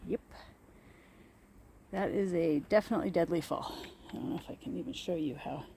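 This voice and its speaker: A woman talking to her viewers in a casual, excitable way as she hikes a steep icy mountain trail alone. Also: on the low side, fairly quick, a little hiss or hum. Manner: chatty, excitable, talks to viewers while climbing. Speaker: solo hiking vlogger. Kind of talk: casual hiking vlog narration.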